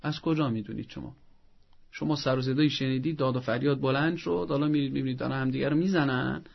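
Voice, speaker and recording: A man's voice: medium pitch, vocal fry, highs cut off. A man speaking as a parenting expert, giving earnest advice and acting out parents' scolding. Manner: didactic, earnest, acts out parents' scolding in a raised voice. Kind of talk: advice talk on a show.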